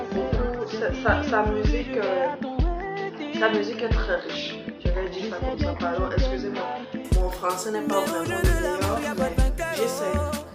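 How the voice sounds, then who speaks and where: Cameroonian woman chatting on her vlog, repeats stuff for emphasis, echoey room w faint music. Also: medium pitch. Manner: emphatic, repeats herself, adds rhetorical tag questions. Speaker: vlogger answering tag questions. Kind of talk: casual vlog chat. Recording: roomy echo, faint background music.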